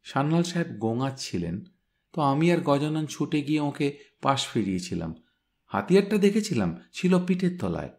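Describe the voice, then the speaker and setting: A man reading a story aloud, voicing a smart young woman who briskly recounts a crime scene. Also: medium pitch, very animated, vocal fry. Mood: animated, brisk.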